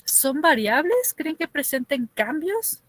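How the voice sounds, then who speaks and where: Chilango lady teaching a class, chatty, kinda high voice, dry sound. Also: big pitch swings, slow, dry recording. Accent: Mexico City. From Mexico City. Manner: chatty, asks the class questions, laughs often. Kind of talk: online class lecture.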